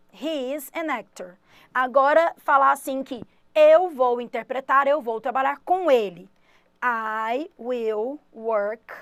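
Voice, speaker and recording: A woman's voice: high-pitched, dry recording. A Brazilian woman teaching English in a studio, explaining grammar energetically to students in a live online exam-prep class. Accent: Brazilian Portuguese. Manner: energetic, emphatic, shifts between explaining and quoting students.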